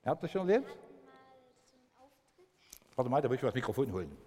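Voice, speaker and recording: A man giving a children's sermon as pastor, telling it in a lively way and acting out the voices of the people he quotes. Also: medium pitch, fairly quick. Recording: long church reverb.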